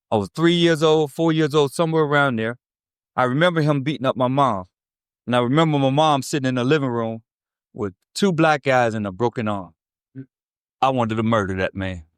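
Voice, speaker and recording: This recovery speaker is a man in his fifties from Chicago's South Side, talking at medium pitch with a Chicago accent. The studio-quality recording has no echo. His testimony to the meeting is blunt, streetwise, and full of profanity, punctuated often by "right?"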